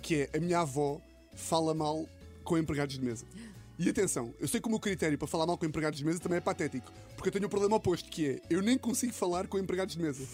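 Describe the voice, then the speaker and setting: A young man with a European Portuguese accent, hosting a radio comedy slot and telling an animated comic story. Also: on the high side, soft background music. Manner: rapid, animated storytelling with lots of acted quotes. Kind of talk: comic monologue. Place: radio studio.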